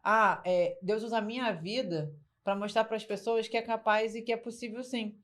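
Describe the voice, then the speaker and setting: A woman guest in a casual interview telling her story in a lively, frank way. She talks colloquially with slang and fillers, and often acts out what people said. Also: a little high, moderate pace. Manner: lively storyteller who acts out quoted dialogue. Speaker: interview guest, business owner.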